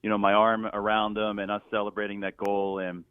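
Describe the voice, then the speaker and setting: This middle-aged stadium announcer from Philadelphia has a lowish, monotone, resonant and clear voice, speaking a little fast. As a guest in a casual phone interview, he rambles with frequent fillers and restarts, heard over a tinny, dry line with no room sound.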